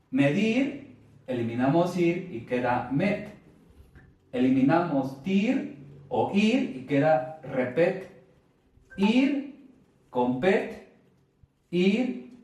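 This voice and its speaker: A man with a Mexican accent teaching a Spanish grammar lesson, speaking deliberately and stressing syllables to demonstrate them. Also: mid-range voice, darkish tone. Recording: very echoey room, from far off.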